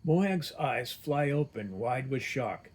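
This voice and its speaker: Husky-voiced male fantasy narrator. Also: mid-range voice, expressive, a little mellow. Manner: measured storytelling, voices all characters. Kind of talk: scripted narration of a fantasy story.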